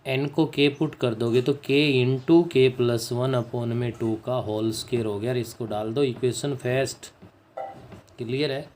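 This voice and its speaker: A man's voice: medium pitch, fairly even intonation, darkish tone, slight background noise. A man teaching a maths lesson, working through a proof step by step and often checking in with his students. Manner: slow and deliberate, dictates English phrases word by word, checks in with students. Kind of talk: board-work maths lesson.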